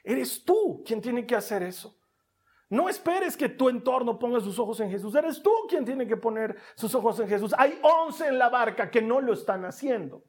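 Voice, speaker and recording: Husky Rioplatense preacher, dramatic swings. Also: mid-range voice, animated, normal speed. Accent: Rioplatense Spanish. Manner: swings between loud exclamations and hushed near-whispers; repeats rhetorical questions to the listener. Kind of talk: sermon.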